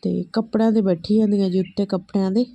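A woman's voice: medium pitch, steady tone, fast talker, mellow, dry recording. A woman with a Malwai Punjabi accent narrates her daily chores in a casual, chatty, homely vlog style. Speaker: family vlogger.

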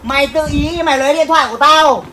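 A man in a staged street confrontation skit, scolding someone with rapid-fire threats, outdoors. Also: extremely high pitch, pushed and bright. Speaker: vlogger confronting a thief.

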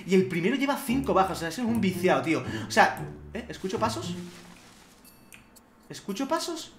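Excitable gamer man with a Spanish accent. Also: high voice, quick pace, echoey room, slight background noise. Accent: Spain. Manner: excitable, shouts and swears at the game. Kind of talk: let's play commentary.

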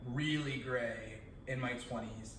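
A man's voice: mid-range voice, takes it slowly, a bit bright. A man in his thirties talking reflectively in a casual chat among friends, with many fillers and restarts. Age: 30s. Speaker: guest in a friends' discussion. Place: living room. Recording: echoey room, distant mic, background hum.

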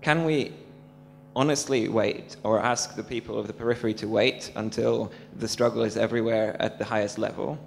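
A young man from Serbia asking an earnest question from the audience into a handheld mic, talking fast with many fillers. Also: lowish voice, steady tone, vocal fry. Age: young adult. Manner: rapid and earnest, thick with fillers. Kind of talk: public Q&A question. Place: large dark hall with an audience, standing. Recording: hall reverb with a faint hum.

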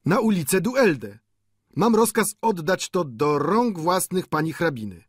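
A man's voice: high voice, very animated, a little slow, slightly rough, no echo, clean studio sound, voice pushed up, heavily acted. A man voicing a simple, dutiful young male servant in an audiobook, in a raised voice. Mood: eager.

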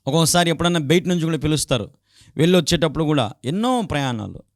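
Telugu-accented pastor man preaching, acts out fights in loud voices, kinda high voice. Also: animated, racing, no room sound, clean studio sound. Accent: Telugu, Andhra Pradesh. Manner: acts out quarrels in raised voices; fervent exclamations of hallelujah. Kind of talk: sermon.

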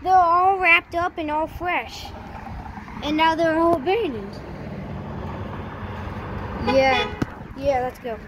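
High-voiced woman exploring with a phone. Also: slow, long pauses. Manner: astonished exclamations, repeats herself. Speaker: vlogger exploring abandoned buildings. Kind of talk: casual walkthrough narration. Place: outdoors by a roadside and inside an empty shop. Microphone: phone camera held while walking. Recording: phone audio with clear outdoor noise.

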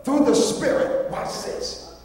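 A man preaching a sermon, prompting a scripture reader and rising into shouted, sing-song emphasis. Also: takes it slowly. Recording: echoey hall from far off.

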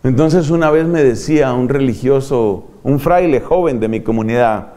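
An older man, a friar preaching a sermon in an animated, dramatic way that acts out examples. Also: medium pitch, moderate pace. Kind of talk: sermon to religious.

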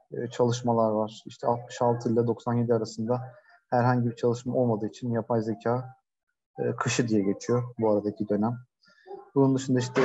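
A man presents a webinar over a video call, speaking in a flat, even tone with a mellow, dark timbre. He talks conversationally and pauses often with fillers. The audio is dull and lo-fi. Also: mid-range voice, breathy edge. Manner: conversational, many hesitations and fillers. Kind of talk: casual online lecture. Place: shared coworking space.

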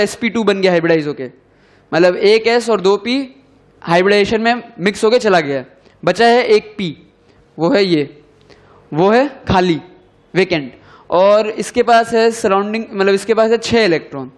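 A young male chemistry teacher with a high-pitched voice gives a classroom lecture. He dictates definitions slowly and repeats them so students can write them down. His pitch sinks at the end of each key term.

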